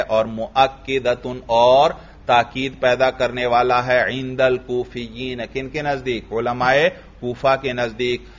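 Man teaching grammar, lo-fi recording. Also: mid-range voice. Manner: reads Arabic text in a slow chant, then explains it, asking students questions. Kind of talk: classroom lesson explaining a text.

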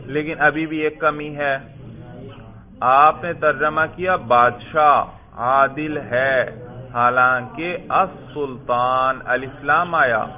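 A man's voice: mid-range voice, fairly even intonation. Male grammar teacher who quizzes and repeats answers, thin phone-like sound. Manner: questioning, repeats student answers, praises. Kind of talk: classroom grammar lesson. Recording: tinny phone-like lo-fi audio.

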